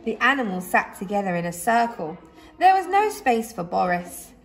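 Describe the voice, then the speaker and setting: A woman reads a children's story aloud expressively, like a teacher, using dramatic pauses and emphasis. Her voice is mid-range with big pitch swings.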